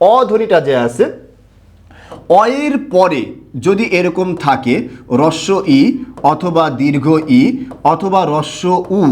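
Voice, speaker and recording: A man's voice: on the high side, darkish tone. A man teaching pronunciation in an online lesson, asking questions and answering them himself, drawing out words to show each sound. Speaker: Bengali grammar teacher.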